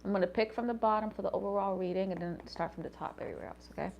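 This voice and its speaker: A woman with a gravelly, fry-edged voice talks loosely to her viewers in a tarot reading vlog. She is slangy and profane and keeps apologizing as she rambles. A faint hum sits under her voice. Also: medium pitch, steady tone, racing, muffled recording. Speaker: astrology tarot reader.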